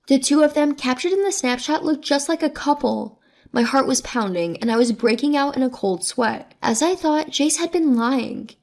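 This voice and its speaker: A woman reading a first-person story aloud in a steady, even narration. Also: fairly high pitch.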